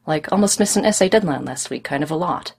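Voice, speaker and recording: A woman's voice: low voice, expressive, quick pace, gravelly, slightly rough, exaggerated voice. A woman voicing a brash, impatient young woman who jokes and pleads eagerly. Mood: impatient pleading. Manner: loud, eager, wheedling.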